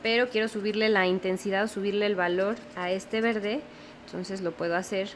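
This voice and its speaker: A young watercolor teacher works through a painting tutorial patiently, taking things slowly and often asking after the viewer. Her voice, mid-pitched for a woman, has fairly even intonation, and there's a faint background hiss.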